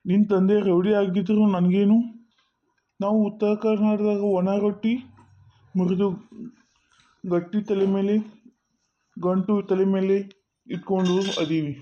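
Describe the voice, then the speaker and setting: A man's voice: high voice, flat delivery, measured pace, long pauses, lo-fi sound. A man with a North Karnataka Kannada accent, playing a boastful, bossy village detective uncle who mutters his suspicions aloud. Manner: blustering, muttering to himself.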